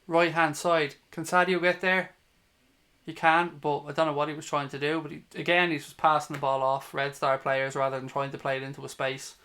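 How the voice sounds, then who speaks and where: Talking briskly in a fairly high, pushed and bright voice with a flat delivery, this Dubliner runs live football watch-along commentary on a fan stream. He chats with viewers and is blunt, opinionated and quick to swear.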